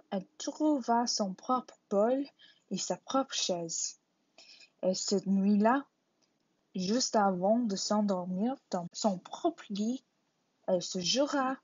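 A woman reading a storybook aloud for a library storytime, in an expressive read-aloud manner. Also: medium pitch, breathy edge, no echo. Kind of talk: bilingual storybook narration. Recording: dull lo-fi recording.

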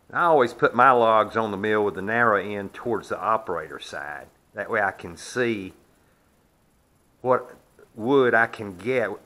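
A sawmill owner with a lowish, sharp-toned voice demonstrates his sawmill inside a metal shed. He explains things in a plainspoken, folksy manner during this hands-on demo, sometimes walking away from the camera.

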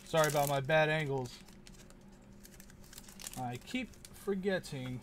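A man with a fairly high voice gives casual unboxing commentary at an unhurried pace. He rambles, mutters to himself and trails off when unsure of a name. A faint background hum runs underneath. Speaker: channel host opening card packs.

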